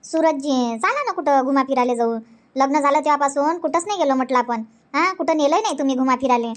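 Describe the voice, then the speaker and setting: A woman gives a lightly acted, high-sitting, fast-talking performance as a chatty newlywed wife in a Marathi comedy cartoon dub. Pleading and nagging, the character repeats herself and talks in a rush, captured in a dry recording.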